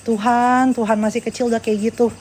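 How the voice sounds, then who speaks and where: Filming herself on a phone outside a house, a woman vlogger furiously confronts a man and addresses her audience in a heated live exchange. Her fairly high, slightly mellow voice comes out flat and a little fast, with slight hiss or hum. Her manner is agitated and accusing.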